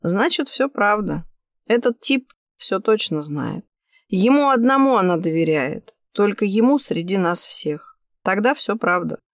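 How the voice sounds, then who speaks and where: A woman's voice: medium pitch, expressive, moderate pace, no echo, clean studio sound, natural voice. A woman reading an audiobook voices a young, jealous and defiant mistress who keeps raising her voice in heated protest. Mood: crushed. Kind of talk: audiobook character voice.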